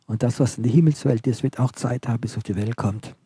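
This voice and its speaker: A man preaching a sermon, emphatic, building on short repeated phrases and often dropping to a quiet, intense delivery. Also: mid-range voice, quick pace, husky, no room sound, studio quality.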